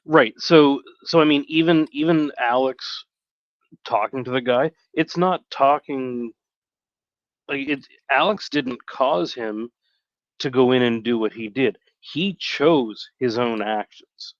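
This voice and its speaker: On a live stream, a mid-pitched man chats casually, halting and rambling and frequently correcting himself. The recording is dry, slightly dull and lo-fi, with no room sound.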